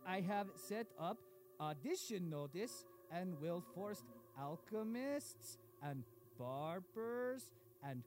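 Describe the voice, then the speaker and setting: An actor playing a cruel, boastful dark lord king reading his diary in broken grammar, in a comedic audio sketch. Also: on the high side.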